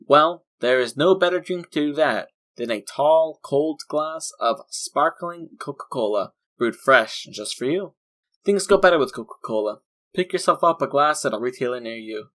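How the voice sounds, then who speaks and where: A man's voice: a little high, animated, moderate pace, a bit bright. A man playing an upbeat, emphatic sponsor announcer reading a scripted old-time radio advertisement. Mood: upbeat, selling. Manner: salesmanlike, emphatic.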